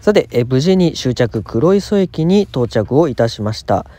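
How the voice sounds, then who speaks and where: A man's voice: medium pitch, sing-song, measured pace, dark tone, no echo. A man giving polite, informative scripted narration for a train travel vlog.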